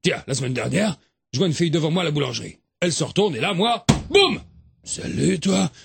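A man doing a crude, deadpan confessional bit as a regular on a morning radio comedy show. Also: a little high, fast talker, vocal fry, noisy background.

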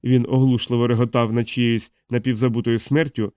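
A man with a mid-range voice reads an audiobook in a steady, expressive storytelling manner. He is recorded close on the mic, with a dry, dead sound. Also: mid-range voice, a little fast, no echo. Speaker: narrator. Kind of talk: audiobook reading.

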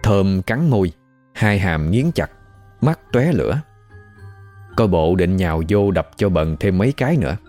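Deep-voiced man narrating. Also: unhurried. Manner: expressive, lively storytelling. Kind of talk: storytelling narration. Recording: faint background music.

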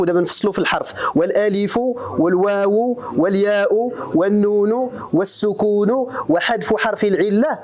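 A man's voice: high voice, darkish tone. A man from Morocco with a Moroccan accent, giving a classroom lecture as a religious scholar teaching grammar. He keeps quizzing his students and repeats each point.

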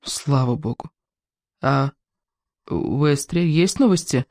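A woman's voice: rumbling low, slow pace, a little mellow, no room sound, studio quality, heavily acted. A woman voicing a young female nurse who has fainted and speaks weakly and apologetically. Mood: weak, apologetic.

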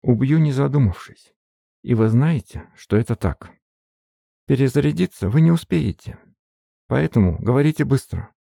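A man's voice: on the low side, vocal fry, dark tone, no echo, studio quality. A man reading a cold, defiant young woman in an audiobook, with clipped lines raised above his own voice.

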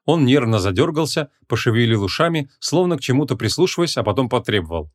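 A man reading a humorous fantasy audiobook as narrator, in an even, measured voice. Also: medium pitch. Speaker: audiobook reader. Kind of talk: scripted narration.

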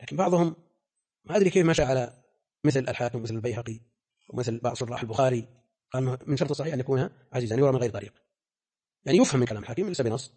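A man's voice: medium pitch, expressive, very fast, long pauses, dark tone, husky. An older man teaching as a scholar, explaining a classical text in a lecture, emphatic and full of rhetorical questions. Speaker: scholar teaching hadith terminology.

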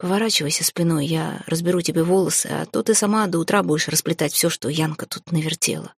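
A woman's voice: sits low, quick pace, creaky, breathy edge, no room sound, heavily acted. A woman voicing a terse brooding bodyguard man. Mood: weary. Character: young man, guarded bodyguard, brooding and stubborn.

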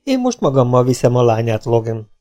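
A man's voice: medium pitch, sing-song, mellow, close to an everyday voice. A man voicing a cocky, self-assured outlaw gunslinger who taunts his opponents. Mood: mocking. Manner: mocking, self-assured and teasing.

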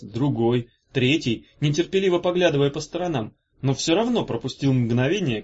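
A man narrating an audiobook in an expressive, animated reading style. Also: medium pitch, slightly rough. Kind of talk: scripted narration. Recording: dull lo-fi recording.

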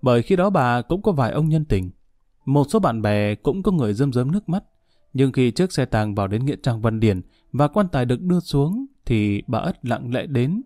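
A man calmly narrating a dramatic social story, reading slowly and steadily and lightly voicing the characters he quotes. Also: medium pitch, no echo, clean studio sound, soft background music.

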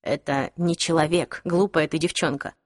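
A woman voicing a cold, cocky young male demon hunter, speaking slowly and calmly with quiet menace. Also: sits low, no room sound, clean studio sound, voice pushed down. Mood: mocking. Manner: slow, calm, menacing. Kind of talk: audiobook character voice.

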